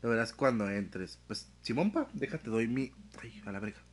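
A young man with a Mexican accent, chatting casually on a live stream, full of slang and swearing, telling stories with animated energy. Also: mid-range voice, normal speed, breathy edge. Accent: Mexican Spanish.

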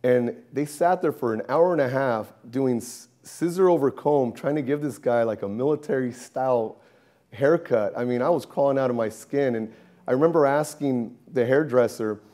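In a documentary interview filmed in a barbershop, a male barber in his thirties recounts stories with animation and gestures. His voice is medium-pitched and his pace moderate.

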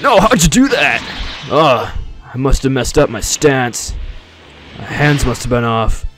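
A man's voice: mid-range voice, big pitch swings, a little slow, fairly bright tone. A man doing a cartoon impression voice of a cocky, goofy, easily flustered young martial-arts fighter, boastful and casual. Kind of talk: cartoon character impression over fighting game. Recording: game music and blasts behind.

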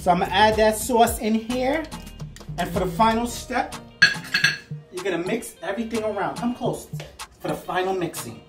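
A woman's voice: medium pitch, normal speed, pauses often, reverberant, recorded from a distance, loud music behind the voice. A woman hosting a home cooking video, chatty and playful as she talks viewers through each step. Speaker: cooking channel host. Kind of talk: casual cooking demonstration.

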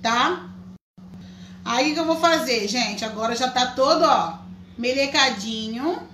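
Female craft host, high and bright, chatty, in an echoey room. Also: lively intonation, measured pace, slight background noise. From Brazil. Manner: chatty, greets viewers by name. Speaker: craft teacher, live stream host. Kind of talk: live craft tutorial.

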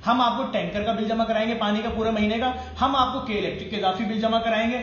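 Indignant young man, very high-pitched. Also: steady tone, a bit bright, a little hiss or hum. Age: young adult. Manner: indignant, lists items one by one while holding them up. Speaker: citizen making a complaint video. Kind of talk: impassioned rant to camera. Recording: very echoey, dull lo-fi phone video.

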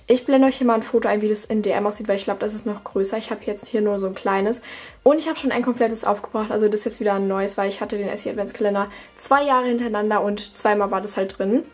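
Speaking fast at a medium pitch, a young woman from Germany, a beauty vlogger, chats casually through her routine at her home desk. It's a casual tutorial, sprinkled with fillers and self-corrections.

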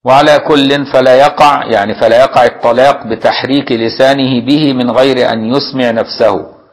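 An Egyptian man teaching a religious lesson in a mid-pitched voice. He moves between reading a classical legal text and plain colloquial explanation. He often stops to ask his listeners if they have followed. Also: low-quality recording. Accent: Egyptian Arabic. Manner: reads a classical text, then glosses it in colloquial speech. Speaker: Islamic jurisprudence teacher.

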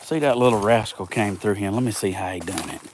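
A man with a Southern US accent and a slow, folksy drawl, chatting casually to viewers as he vlogs outdoors. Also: fairly low pitch, noisy background. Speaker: vlogger. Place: outdoors, rural yard and woods.

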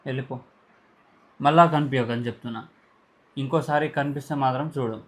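A man's voice: mid-range voice, fairly even intonation, a little fast, loud music behind the voice. A man, speaking in a staged couple prank at home, scolding harshly before turning to coax and soothe. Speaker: husband pulling a prank on his wife.

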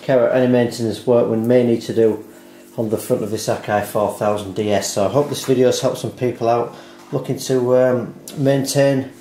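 A warm, medium-pitched male voice with fairly even intonation moves briskly through a hands-on repair, still explaining each step carefully and without hurry. Recorded at a home dining table, the clip has roomy echo, background hiss, and handling clicks.

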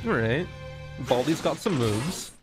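A man's voice: mid-range voice, expressive, measured pace. Laid-back man streaming over music. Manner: amused, laid-back, swearing. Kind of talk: casual reaction commentary. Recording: loud music behind voice. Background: soundtrack of cartoon being watched.

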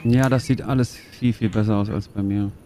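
A woman streaming a simulator game, chatting excitedly and joking with her viewers. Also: very deep voice, moderate pace, a little hiss or hum. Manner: excitable, jokey, talks to viewers. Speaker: gaming streamer. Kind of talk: casual gameplay commentary.

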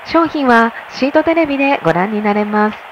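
A flight attendant, a woman, giving a polite, measured inflight announcement over the cabin PA. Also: on the high side, lively intonation, muffled recording, slight background noise. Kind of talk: formal bilingual inflight announcement. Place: airplane cabin.

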